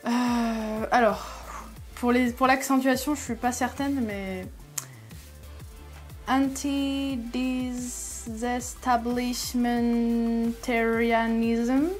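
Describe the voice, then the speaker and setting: A woman's voice: fairly high pitch, unhurried, faint music behind. Woman explaining English pronunciation. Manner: thinks aloud while sounding out words. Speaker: host of an English-learning channel. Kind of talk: reaction video commentary.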